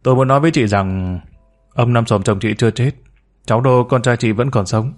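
A man voicing a calm, authoritative male interrogator who speaks in a measured, gentle way. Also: medium pitch, soft background music, lightly acted.

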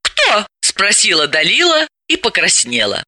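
A man narrating an audiobook in a lively, expressive reading. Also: high-pitched, moderate pace, no room sound, studio quality. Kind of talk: scripted narration.

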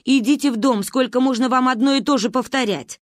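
A woman's voice: high voice, fairly quick, dry recording, clean studio sound, voice pushed up. A woman reading the lines of a fussy old grandmother who pleads and scolds in a storybook. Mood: scolding.

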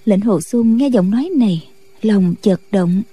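A woman narrating a martial-arts novel in a steady storytelling voice. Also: mid-range voice, unhurried, husky. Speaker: audiobook narrator.

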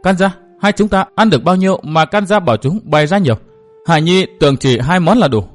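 A man's voice: a little high, lively intonation, fast talker, faint music behind, natural voice. A man voicing a headstrong, jealous young woman who argues emotionally with her godfather. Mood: questioning. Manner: emotional, pleading.

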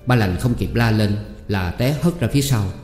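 A man reading a short story aloud in a steady, measured way. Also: lowish voice. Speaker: narrator. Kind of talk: audiobook narration. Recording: roomy reverb with faint music.

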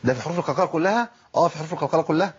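Fast-talking Egyptian tajweed teacher. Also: male voice, fairly high pitch, slightly rough, highs cut off. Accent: Egyptian Arabic. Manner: fast, animated teaching with self-asked questions and demonstrations. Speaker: Quran recitation teacher. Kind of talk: tajweed lesson.

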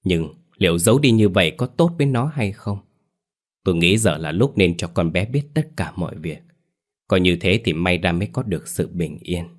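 A man reads a male spirit master in a told ghost story, stern and knowing, speaking in a measured way. The voice is deep and low. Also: lively intonation. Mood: stern calm.

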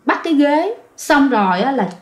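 A woman's voice: high-pitched, sing-song, normal speed. A woman with a Southern Vietnamese accent telling a ghost story in a chatty way, talking straight to her listeners. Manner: chatty, addresses listeners directly. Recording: roomy, slightly dull recording.

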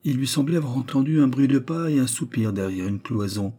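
A man narrating a classic novel as an audiobook, in measured, even storytelling. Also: medium pitch, breathy edge. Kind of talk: scripted literary narration.

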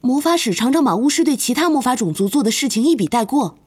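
A woman's voice: high-pitched, expressive, fast talker, a little mellow, breathy edge. A woman voicing a clever, earnest teenage witch who talks in a reasoned, insistent way. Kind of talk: audiobook character voice.

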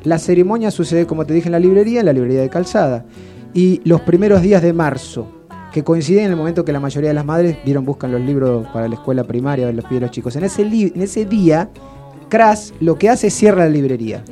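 A man with a Rioplatense Argentine accent telling a comic story on the radio in a rambling, deadpan way with frequent restarts. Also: a little high, fast talker, faint music behind. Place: radio studio.

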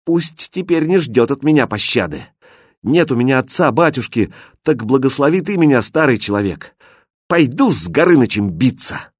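A man voicing a brave, hot-headed young village hero in a fairy tale, declaring things loudly and fervently. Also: mid-range voice, sing-song, normal speed, husky, dry recording, clean studio sound, pitched above the performer's own voice. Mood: determined.

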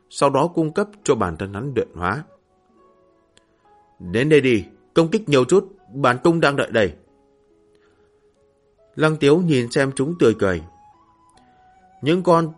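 Male narrator, husky tone, steady read over faint music. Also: medium pitch. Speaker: audiobook narrator. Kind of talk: scripted fantasy novel narration.

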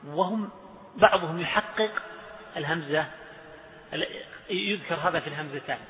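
Male teacher with a slightly high voice. He walks through recitation rules, repeats examples and quizzes the class, recorded in an echoey hall through a tinny line. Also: normal speed. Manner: repeats examples, chants verses, asks students questions. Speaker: sheikh teaching Quranic recitation. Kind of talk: classroom lesson explaining Quranic recitation rules.

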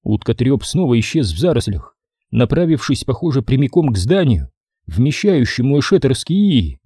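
A man narrating a science fiction audiobook in an expressive storytelling manner. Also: medium pitch, moderate pace, slightly rough, no echo, clean studio sound. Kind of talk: scripted narration.

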